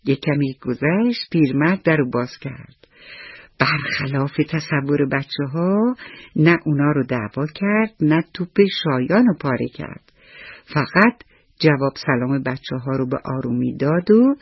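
Husky woman telling a bedtime story. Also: extremely low pitch, dry recording. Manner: warm, lively storytelling addressing children. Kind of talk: children's bedtime story narration. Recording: dull lo-fi radio recording.

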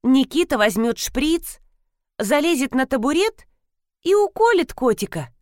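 A woman's voice: high voice, big pitch swings, unhurried, dry recording, clean studio sound, voice pushed up. A woman reading an audiobook, voicing an earnest middle-aged housekeeper explaining a plan plainly.

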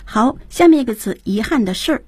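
A woman's voice: a little high, expressive, brisk, darkish tone, slightly rough, no echo. A woman co-hosting a radio English lesson, introducing each new word and repeating the teacher's points. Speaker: radio co-host. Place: radio studio.

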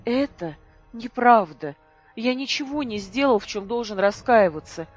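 A reader voicing a furious young boy who defies his mother, with a shouting, indignant voice that breaks. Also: medium pitch, very animated, measured pace, soft background music, pitched above the performer's own voice. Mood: defiant.

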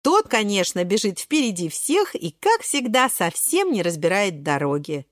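A woman reading a children's storybook aloud in a playful, animated way. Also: mid-range voice, normal speed, dry recording, studio quality.

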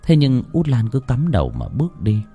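A man's voice: medium pitch, wildly swooping pitch, normal speed, mellow, husky, faint music behind. Male narrator telling a ghost story. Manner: dramatic, emotive storytelling. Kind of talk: scripted horror story narration.

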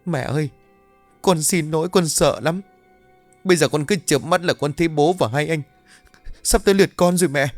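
A man's voice: a little high, quick pace, no echo, soft background music, pitched above the performer's own voice, lightly acted. A man voicing a frightened, guilty young daughter who pleads in a choked voice. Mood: terrified.

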